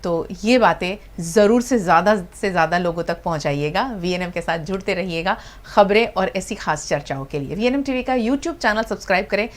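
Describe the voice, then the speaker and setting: A woman's voice: mid-range voice, animated, normal speed, hardly any pauses. A woman hosts a TV interview for a news channel, summing up her guest's points. She speaks in an encouraging, orderly way with short affirming words. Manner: encouraging, summarizing, brief affirmations. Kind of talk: TV interview and sign-off.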